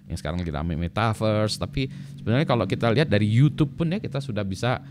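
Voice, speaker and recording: A man's voice: lowish voice, expressive, fast talker, noisy background. A middle-aged man talks casually on video, rambling and laughing at himself as he spells words out letter by letter. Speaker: lecturer in electrical engineering. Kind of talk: casual solo video talk.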